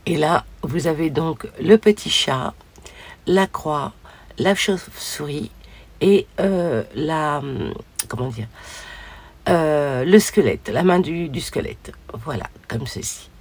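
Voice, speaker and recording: A hoarse woman hosting a casual crafting video, chatting along with many fillers as she shows her pieces. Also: deep voice, expressive, takes it slowly, a little mellow.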